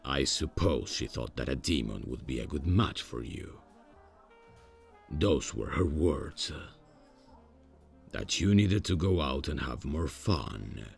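Faint music underlies a fantasy audio roleplay where a man voices a male demon of extreme depth, exaggerated and creakily gravelly. The demon's speech is very slow, stiff and halting, deadpan and awkward but still menacing.

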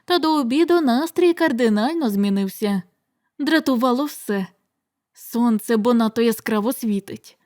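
A woman reads a horror audiobook aloud in a slightly high voice. Her delivery is measured and dramatic. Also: animated, a little mellow. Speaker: audiobook reader. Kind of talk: audiobook narration.

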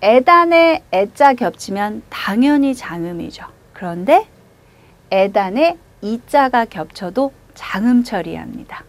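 A woman teaches a recorded lesson in a fairly high, lively voice. She speaks slowly and stretches out each example sound, then explains patiently. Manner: slow, drawn-out model pronunciations with patient explanation. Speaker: Japanese language teacher. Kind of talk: classroom lecture.

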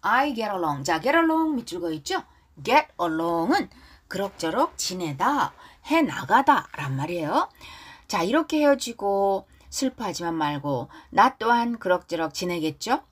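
A woman teaching English pronunciation through song lyrics, reading lines slowly and explaining them briskly. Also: mid-range voice, very animated, slightly rough.

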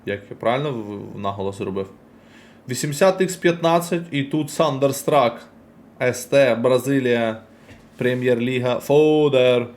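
A man's voice: mid-range voice, darkish tone. A man streaming a football card game, chatting casually with his viewers as he opens packs and reacts. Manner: chatty, addresses chat directly, quick reactions. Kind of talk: casual live-stream commentary while opening packs.

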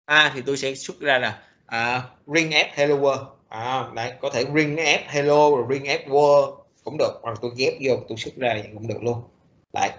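A male lecturer explains code slowly, filling pauses with hesitant sounds and restarting his sentences. His voice is bright and forceful, and the recording is dull and lo-fi. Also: medium pitch. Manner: halting, many fillers and restarts. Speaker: programming lecturer.

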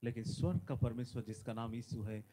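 A visiting preacher in his forties delivers a sermon with prayer on a big conference stage, holding a handheld mic. His voice is mid-range and steady, a little fast, with some hiss or hum in the recording. He is fervent, breaking into loud, emphatic bursts and calling out hallelujah again and again.

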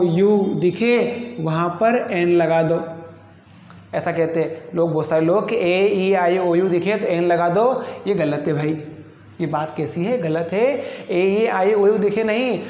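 A man's voice: high voice, a little mellow. A man teaching an English lesson who keeps asking the class questions and then answering them himself. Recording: echoey, muffled room recording.

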